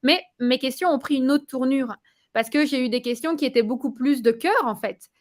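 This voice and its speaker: A woman giving a casual testimonial, talking with many fillers, pauses and restarts. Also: sits high.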